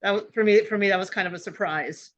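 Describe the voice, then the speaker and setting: A woman's voice: mid-range voice, fast. A woman co-hosting a podcast chat, hesitant, repeating words as she thinks aloud. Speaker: podcast co-host. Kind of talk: casual panel chat.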